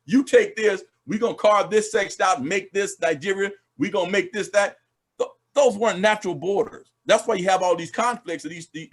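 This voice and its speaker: Husky high-voiced man, impassioned. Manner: impassioned, emphatic, many restarts. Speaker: panel guest. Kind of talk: online panel discussion.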